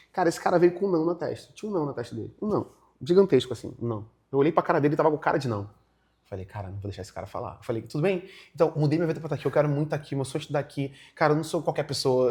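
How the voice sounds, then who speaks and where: A young man, telling a story in a casual interview and acting out the other people in it. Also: a little high. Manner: animated, acts out other people's lines in his retelling. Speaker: guest.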